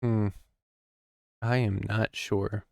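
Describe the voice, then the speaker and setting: Slow, halting man coding live. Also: on the low side, level tone, gravelly, a little mellow, dry recording, studio quality. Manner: halting, musing, many ums and pauses. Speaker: programmer streaming a coding session. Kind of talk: thinking aloud while coding live.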